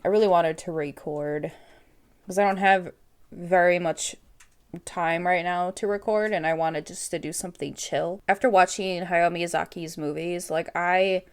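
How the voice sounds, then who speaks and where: A woman hosting a relaxed movie reaction video, tired and yawning, rambling with lots of "like.". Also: fairly low pitch, measured pace, smooth. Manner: relaxed, rambling, says "like" a lot. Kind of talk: casual movie reaction chat.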